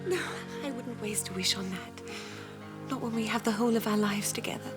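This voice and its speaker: An actress playing a tender mother in love, soft and sincere, in a TV comedy-drama. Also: fairly high pitch, expressive, fast, close to an everyday voice. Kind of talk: television comedy-drama acting. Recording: music behind the voice.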